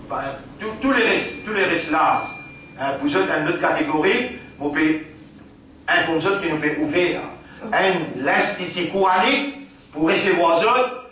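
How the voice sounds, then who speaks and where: A man with a Mauritian accent giving a religious lesson, repeating words slowly and mixing French with Arabic recitation. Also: high voice, sharp tone. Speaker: Islamic teacher. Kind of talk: religious lesson after dawn prayer. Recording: very echoey room, from a distance.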